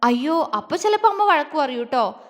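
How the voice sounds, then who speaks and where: A woman storyteller voicing a young man who speaks softly and affectionately to the woman he loves. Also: high-pitched, expressive, normal speed, big-room sound. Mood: tender, coaxing. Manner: soft, affectionate, coaxing. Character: loving, teasing young man, gentle and protective.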